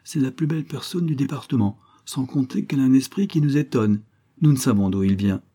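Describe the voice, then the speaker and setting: A plain-spoken, honest merchant of middle years, as a male reader voices him, talking earnestly in a raised, somewhat husky voice. Nothing fancy, just straightforward pride in a storybook reading. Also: mid-range voice, fairly quick, warm tone, voice pushed up, natural voice. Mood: proud.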